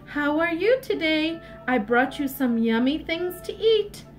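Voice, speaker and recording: A woman voicing a sweet, innocent, easily frightened little girl in a storybook, with drawn-out, wide-eyed delivery. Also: sits high, expressive, soft background music. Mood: puzzled wonder.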